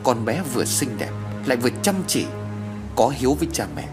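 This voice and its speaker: A stern older village father, as a male storyteller plays him lectures his family firmly. His delivery rises and falls in lively pitch. Soft music sits beneath the storybook narration. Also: a little fast, lightly acted. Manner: firm, lecturing.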